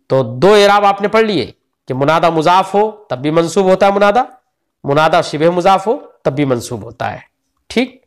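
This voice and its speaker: A man teaches a grammar lesson. He speaks slowly and patiently, asking his listeners questions and repeating key points. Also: high-pitched. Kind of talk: religious grammar lecture.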